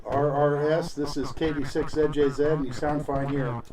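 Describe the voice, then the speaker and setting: A man's voice: a little high, level tone, moderate pace. A radio club member, a man, chatting and laughing while commenting on the radio checks. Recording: noisy radio and video-call audio.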